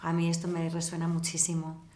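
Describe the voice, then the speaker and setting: Actress lady chatting in an interview, laughs a lot, lowish voice, roomy echo. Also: brisk, a loud crowd. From Murcia. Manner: lively, laughs often, thinks aloud with restarts. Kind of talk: casual interview talk.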